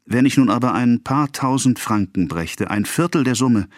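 A man's voice: medium pitch, expressive, moderate pace, dry recording, clean studio sound, voice pushed up, close to an everyday voice. A man reading the part of a desperate young woman who pleads with a creditor, in a raised, agitated voice. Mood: pleading.

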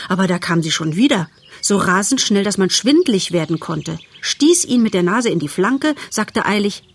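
A woman narrating a children's novel in a lively, expressive storytelling manner. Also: mid-range voice, husky. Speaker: audiobook narrator.

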